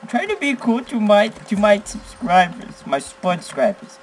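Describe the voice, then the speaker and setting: A teenage boy giving excitable gameplay commentary as a gaming channel host, blurting exclamations and teasing. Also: sits high, unhurried, a little hiss or hum, rough recording. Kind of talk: live gameplay commentary with chat.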